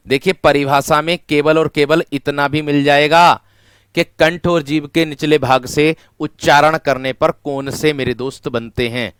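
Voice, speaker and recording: A man's voice: medium pitch, fairly bright tone, smooth, dry recording, studio quality. A male teacher giving an online exam-prep lecture, repeating each point and asking students questions he then answers himself. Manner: repetitive call-and-response questioning, addressing students as friend.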